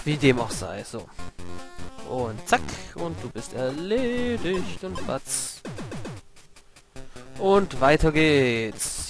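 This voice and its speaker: An excitable young man narrates his gameplay in a casual, chatty way, swearing when things go wrong and explaining tricks to his viewers. His voice sits a little high. Game music plays clearly behind him. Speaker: let's play commentator. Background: video game music.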